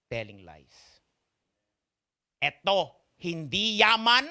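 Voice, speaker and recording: A Filipino man preaching a sermon in a mix of Tagalog and English, often asking his listeners questions. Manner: mixes Tagalog and English, asks the congregation questions; slow, emphatic delivery with sharp swings in pitch and volume.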